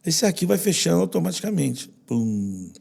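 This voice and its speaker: A man from Brazil, a podcast guest, telling personal stories in an earnest, heartfelt way and sometimes dropping to a soft hush. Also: a little high, big pitch swings, moderate pace. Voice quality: gravelly and very husky. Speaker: podcast guest, social project leader. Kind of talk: personal storytelling in conversation.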